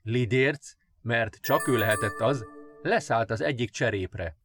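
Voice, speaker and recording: A man narrating children's fairy tales in a gentle, expressive reading. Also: mid-range voice, music in the background. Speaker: audiobook narrator. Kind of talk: storybook narration.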